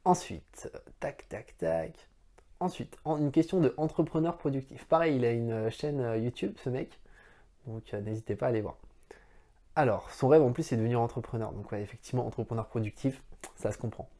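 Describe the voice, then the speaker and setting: A man's voice: mid-range voice, animated, brisk, warm tone. A man answering his viewers' questions in a casual chat to camera, friendly and rambling, speaking straight to the viewer. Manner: chatty, rambling asides.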